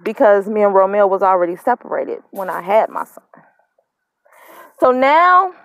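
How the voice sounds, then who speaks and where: A woman in her thirties, medium-pitched and very animated, speaks at a moderate pace in a dry recording. Not from Mississippi and having lived up north, she tells the camera about her custody fight in a casual vlog, frustrated and fighting back tears while smoking. She repeats her points with emphasis.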